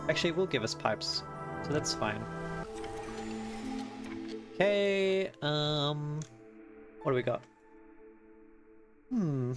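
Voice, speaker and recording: A man's voice: on the high side, expressive, takes it slowly, long pauses. Man thinking aloud over game music. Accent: Australian. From Australia. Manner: thinking aloud, self-correcting. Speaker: streamer. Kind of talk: casual gameplay commentary. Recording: music playing under voice.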